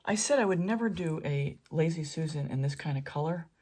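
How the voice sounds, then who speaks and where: A woman's voice: sits low, animated, brisk, warm tone, slightly rough. A woman hosting an art tutorial, chatting and thinking aloud as she works, sometimes dropping to a whisper. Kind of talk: casual tutorial narration.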